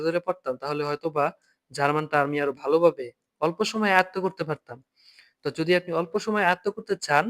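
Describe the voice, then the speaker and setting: A man's voice: fairly high pitch, a bit bright. A young man, a native Bengali speaker, teaching an online German lesson, patiently spelling out letters and repeating words, often checking "okay?".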